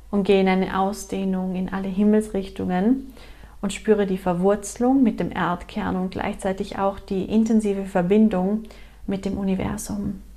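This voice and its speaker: A woman leading a guided meditation, speaking directly to the listener in gentle instructions and repeated invitations. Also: medium pitch.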